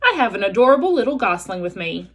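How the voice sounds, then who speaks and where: A friendly female robot from a storybook, acted out by a woman reader. She is polite, earnest and cheerful, speaking formally in a lively, slightly husky voice. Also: medium pitch, fast. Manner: cheerful, formal wording without contractions.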